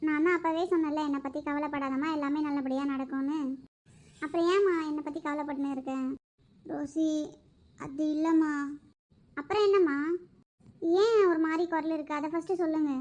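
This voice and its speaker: A woman voicing a young daughter in a homemade cartoon, gently reassuring her mother over the phone. The recording is dull and lo-fi. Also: high voice, steady tone, fairly quick, pauses often, lightly acted. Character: caring young daughter, girl.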